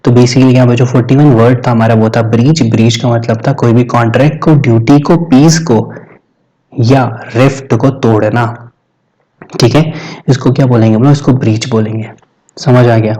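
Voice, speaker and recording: A man's voice: medium pitch, steady tone, normal speed, warm tone, low-quality recording. An Indian man whose first language is Hindi teaches an exam-prep vocabulary lesson, repeating words and checking in with his students constantly. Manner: repeats and quizzes, frequent "theek hai" check-ins.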